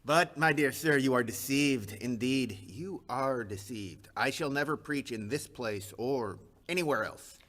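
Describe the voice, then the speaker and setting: Guy reading as an uneasy old-time minister, formal wording, steady read. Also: medium pitch, lightly acted. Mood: protesting. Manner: measured, formal period diction. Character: troubled 18th-century minister, reluctant and anxious. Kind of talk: reading a first-person memoir aloud.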